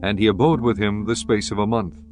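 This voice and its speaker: A man narrating scripture in a measured, reverent manner. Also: fairly low pitch, fairly even intonation. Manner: measured, reverent, archaic diction. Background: guitar music.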